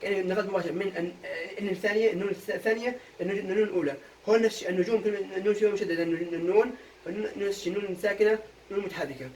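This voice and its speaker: Fast high-voiced teacher drilling students. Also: male voice, far from the mic, low-quality recording. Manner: drills students with quick questions and answers. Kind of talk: exam-prep poetry meter lesson. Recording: voice a bit off-mic, faint room noise.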